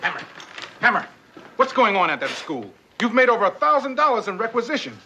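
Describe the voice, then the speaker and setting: An exasperated police captain in a TV comedy. He scolds in a high voice that jumps around in pitch. There is faint noise on the recording. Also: big pitch swings, brisk, highs cut off. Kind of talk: TV comedy acting.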